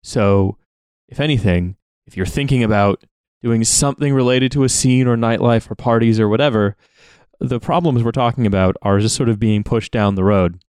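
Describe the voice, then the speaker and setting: A man hosting a podcast, speaking alone in a casual, somewhat halting and rambling introduction. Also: mid-range voice, a little mellow, clear, resonant tone, dry recording. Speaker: podcast host.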